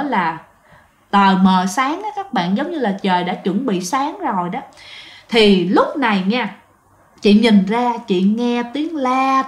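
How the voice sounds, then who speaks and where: A woman tells a ghost story in a chatty, casual way, speaking straight to her listeners. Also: a little high. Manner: chatty, addresses listeners directly, frequent drawn-out particles. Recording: roomy echo.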